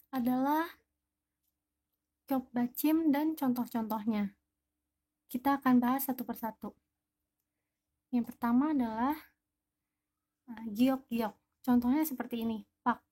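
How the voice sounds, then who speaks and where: A woman's voice: on the high side, darkish tone. A woman teaching a language lesson, patiently explaining each example word one by one.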